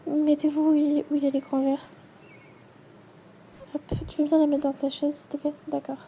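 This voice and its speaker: A woman acting out a playful toy role-play, switching quickly between many characters in chatty everyday dialogue. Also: sits high, monotone, warm tone, slight background noise. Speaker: channel creator voicing every character.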